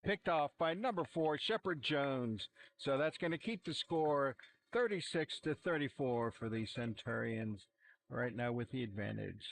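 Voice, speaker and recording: A man calling a high school football game, relaxed and rambling with plenty of fillers. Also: unhurried, gravelly. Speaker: play-by-play commentator. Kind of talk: amateur sports commentary. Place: outdoor football stadium sideline. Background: cheering fans.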